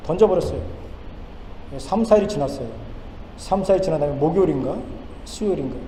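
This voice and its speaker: Middle-aged male pastor, high mellow voice, emphatic sermon delivery, echoey church hall with faint noise. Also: lively intonation, fairly quick. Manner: emphatic preaching, swings between loud pleas and hushed storytelling. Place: church sanctuary.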